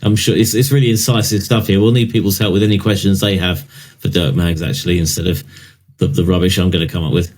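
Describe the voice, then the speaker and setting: A man's voice: deep voice, level tone, fast talker, a little mellow. A man co-hosting a podcast, chatting casually in a joking, self-deprecating way. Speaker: podcast co-host.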